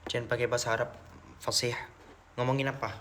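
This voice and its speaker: A man's voice: medium pitch, level tone, quick pace, fairly bright tone, a little hiss or hum. A young man from Mecca chatting casually on a live stream, answering viewers' questions and switching between languages. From Mecca, Saudi Arabia.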